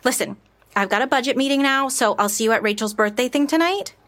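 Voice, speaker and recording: Upbeat friend, young adult, raised pitch, teasing, reassuring, casual audio drama. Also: female voice, quick pace, a bit bright.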